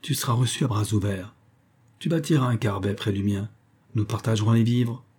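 A man voicing a calm, fatherly castaway leader who speaks in a measured, earnest and kindly way, in an audiobook. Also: lowish voice, husky.

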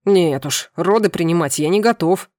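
A woman voicing a gentle alien husband who speaks in a low, quiet, reassuring way in an audiobook. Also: animated, brisk, dry recording, clean studio sound. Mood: firm. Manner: soft, reassuring, lowered voice. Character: calm eared alien husband, gentle and soothing. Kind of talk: audiobook character voice.

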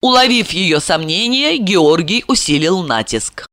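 A woman narrating an audiobook in an expressive, dramatic reading style. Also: unhurried, no room sound, clean studio sound. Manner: expressive, acts out the heroine with high cries.

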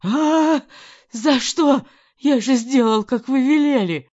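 A woman's voice: slow, a little mellow, no room sound. Woman doing a terrified, begging henchman. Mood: screaming, begging. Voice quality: high, strained and pleading. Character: terrified male henchman, pleading and servile. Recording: dull lo-fi recording.

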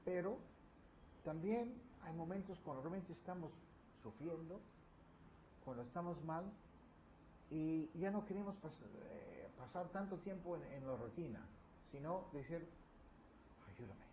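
A man's voice: on the high side, lively intonation, a little slow. A middle-aged man, preaching a conversational sermon in church and acting out little quoted scenes with humor. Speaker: pastor. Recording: slightly dull recording with faint background noise.

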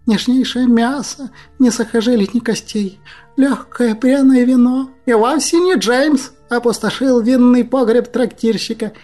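Cheeky little swamp dragon in a storybook, shrill, mocking and defiant, as a male narrator puts him on. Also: measured pace, mellow, soft background music. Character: small proud swamp water dragon, cheeky and bold. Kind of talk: audiobook character voice.

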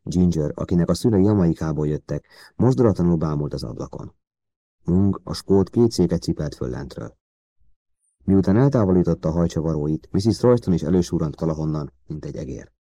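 A man reading an audiobook in a steady, even manner. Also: sits low, no room sound, studio quality. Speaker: audiobook narrator. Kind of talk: scripted audiobook narration.

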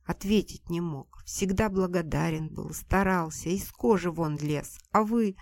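A woman's voice: fairly low pitch, measured pace, darkish tone, dry recording. A woman narrator voicing a timid but earnest young woman who implores and defends someone.

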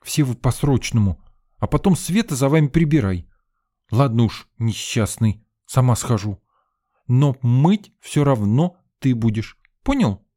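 A male reader voicing a bossy, quick-tempered young female student who scolds in a shrill, exasperated way. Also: lively intonation, dark tone. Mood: scolding.

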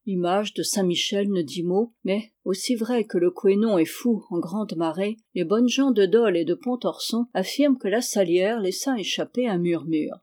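Mellow-toned audiobook narrator. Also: mid-range voice. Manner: even, measured storytelling. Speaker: audiobook reader. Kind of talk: scripted narration of a novel.

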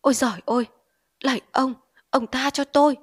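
A woman's voice: a little high, fairly quick, lightly acted. A woman reading an audiobook, voicing a desperate male opium addict in withdrawal who whines and begs. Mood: frantic pleading. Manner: whining, pleading, frantic.

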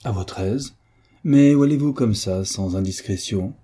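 A man's voice: fairly low pitch, a little slow, warm tone, husky. A man voicing a patient, good-natured old army veteran with a dry way of speaking.

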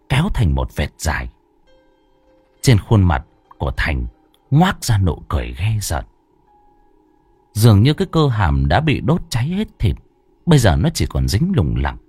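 A man telling a ghost story in dramatic, drawn-out scripted narration. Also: fairly low pitch, darkish tone, slightly rough, no room sound.

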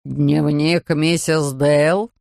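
A man voicing a pompous older male surgeon, gruff and sarcastic. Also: on the high side, level tone, very slow, a little mellow, no echo, clean studio sound, voice pushed down, exaggerated voice.

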